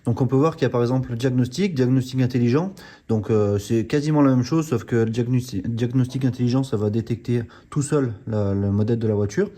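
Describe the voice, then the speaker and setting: His mid-range voice is mellow and fairly quick. As host of a car channel, he reviews a diagnostic tool by demonstrating it hands-on, explaining as he goes while often hesitating with fillers and restarting words.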